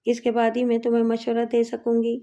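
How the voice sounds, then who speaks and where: A woman's voice: fairly high pitch, completely flat delivery, mellow, natural voice. A woman reading the lines of a bossy but caring woman inmate who gives firm advice. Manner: firm, commanding.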